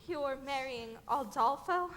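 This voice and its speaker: A woman's voice: high-pitched, measured pace, background noise. A young woman playing a dramatic, flighty showgirl bride in a stage musical. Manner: theatrical, gushing.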